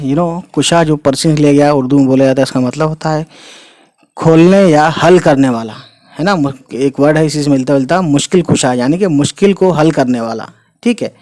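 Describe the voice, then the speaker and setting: A man teaching Urdu words, explaining their meanings and spelling the letters out slowly as he writes, often adding "ठीक है" and "you know". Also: on the high side, darkish tone, no room sound. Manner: spells letters out slowly, often adds 'ठीक है' and 'you know'. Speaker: language teacher. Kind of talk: explaining Urdu words while writing them.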